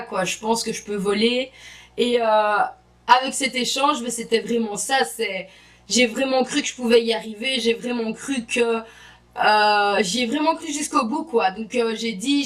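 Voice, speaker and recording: Young girl vlogging from home, kinda high voice, chatty and excited, camera mic a bit far off. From Belgium. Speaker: exchange student vlogger. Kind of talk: casual vlog to camera.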